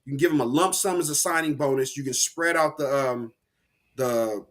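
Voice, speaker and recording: A man co-hosting a casual sports podcast, animated and rambling, with slang and frequent restarts. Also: medium pitch, moderate pace. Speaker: podcast co-host.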